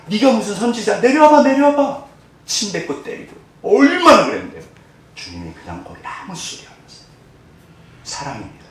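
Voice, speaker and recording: A male pastor preaches a sermon in a church sanctuary, repeatedly questioning the congregation and acting out the lines he quotes. His voice sits on the high side with a fairly bright tone, captured from far off in an echoey church hall.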